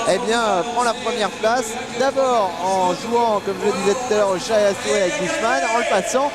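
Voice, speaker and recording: A man giving live play-by-play motorsport commentary, announcing race positions in urgent running bursts. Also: sits high.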